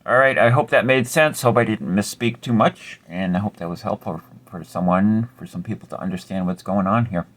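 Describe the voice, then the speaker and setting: A man's voice: on the low side, a little fast, few pauses, fairly bright tone, a little hiss or hum. A man hosting a casual repair tutorial, explaining step by step in a laid-back way with some mild cursing. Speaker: amplifier repair host.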